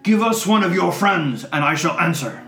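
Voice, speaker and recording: A man voicing a big male ogre head that bargains slowly and menacingly in a tabletop game. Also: sits high, animated, vocal fry, pitched above the performer's own voice, full character voice. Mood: demanding. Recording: roomy recording with soft guitar music.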